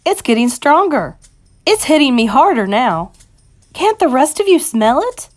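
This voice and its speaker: Storybook witch, shrill, shrieking, excitable, far higher than normal talk, wildly swooping. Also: moderate pace. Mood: urgent, excited. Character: tall, shrill, excitable witch with keen nose.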